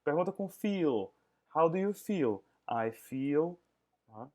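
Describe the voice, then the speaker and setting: A man's voice: a little high, lively intonation, mellow. Man teaching English over a video call. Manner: mixes English and Portuguese, drills pronunciation slowly. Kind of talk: online English class.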